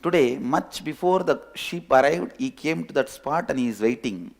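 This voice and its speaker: A man with an Indian English accent, a spiritual teacher telling a parable in an animated way and acting out its characters. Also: medium pitch, moderate pace, vocal fry. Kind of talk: storytelling sermon.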